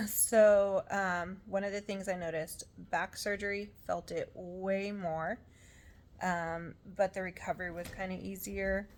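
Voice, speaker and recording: A tired woman recovering from surgery, talking in a casual, halting, rambling way as she shares an update. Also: mid-range voice, steady tone. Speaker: vlogger sharing surgery recovery. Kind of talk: casual chat.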